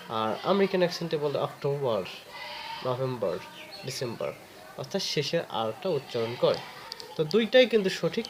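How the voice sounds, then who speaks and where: A man talking earnestly to the camera, encouraging learners with patient advice and drawn-out fillers. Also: mid-range voice, noisy background. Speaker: vlogger giving advice. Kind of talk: casual talk to camera.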